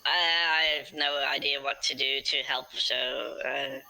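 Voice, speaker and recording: Bright voice-changer voice, halting. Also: mid-range voice, steady tone, rough recording. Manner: halting, hesitant speech. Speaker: tabletop game player. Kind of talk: casual tabletop game chat.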